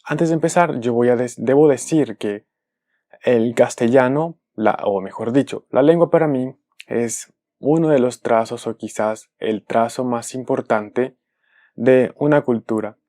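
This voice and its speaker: A man, a native speaker, giving a careful explanatory video lesson, often pausing to rephrase himself. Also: medium pitch, dark tone. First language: Spanish. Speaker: language teacher.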